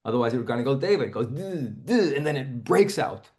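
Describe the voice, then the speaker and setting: A man's voice: mid-range voice, very fast, a little mellow. A man, a therapist, teaching a seminar in an earnest way and telling stories about clients, often repeating and restarting his phrases.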